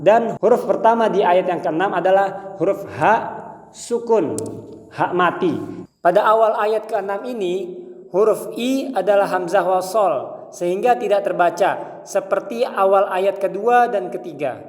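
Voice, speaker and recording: Explaining and demonstrating a recitation lesson, a male teacher with an Indonesian accent and a high-pitched, darkish voice speaks at a measured pace. He shapes each syllable with exaggerated care, while a long hall-like reverb makes his voice ring.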